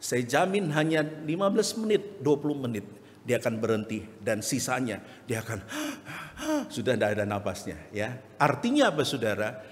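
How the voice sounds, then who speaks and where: A man's voice: mid-range voice, lively intonation, a little fast, a little hiss or hum. A male evangelist preaching a sermon, telling funny stories and asking the congregation questions. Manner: humorous storytelling, asks the congregation questions. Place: church hall. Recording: long church reverb.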